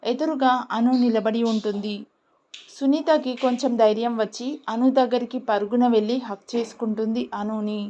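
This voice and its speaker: A woman narrating an audiobook story in a plain, steady reading voice, on a dull lo-fi recording. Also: a little high, moderate pace.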